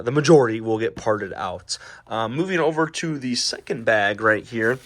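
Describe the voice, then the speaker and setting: A man's voice: mid-range voice, a bit bright. A young man vlogging casually about a toy haul, rambling with many fillers and restarts. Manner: rambling, full of ums and restarts, chatty. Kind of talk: casual vlog chat.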